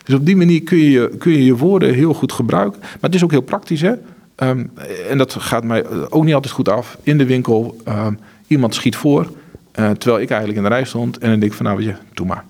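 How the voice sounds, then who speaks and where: A man with a husky, slightly rough voice speaks at a middle pitch. He tells earnest, faith-driven stories in an interview, often restarting his sentences. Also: a little fast, darkish tone. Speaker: charity director. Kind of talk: conversational interview.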